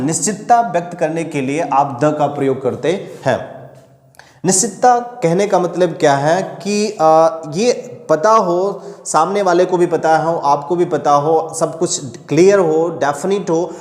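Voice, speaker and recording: A man with a Hindi accent teaching a spoken English class, walking through the rules patiently and asking his own questions before answering them. His voice sits a little high for a man. The room is echoey, with a long reverb trailing every phrase. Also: darkish tone.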